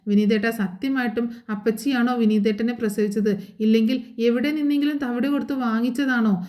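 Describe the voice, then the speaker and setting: This is a quick-witted young woman in a family drama, as a woman narrator reads her lines aloud. She fires off rising, pointed questions at a fast clip, in a voice pitched a little higher than the narrator's own. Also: steady tone, dark tone, close to an everyday voice. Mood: pointed, teasing. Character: bold young woman speaking her mind.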